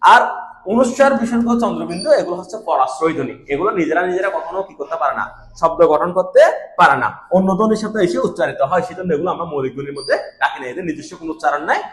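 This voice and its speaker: Male teacher, brisk lesson delivery, quizzes then answers himself, roomy sound. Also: fairly high pitch, expressive, fairly bright tone. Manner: explains step by step, asks and answers his own questions. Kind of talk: grammar lesson.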